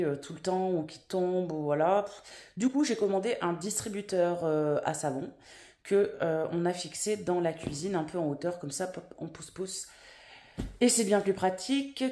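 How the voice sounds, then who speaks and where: A woman's voice: fairly low pitch, dark tone. A woman vlogging at home in casual chat, rambling with many fillers and restarts. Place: at home, indoors. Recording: echoey room.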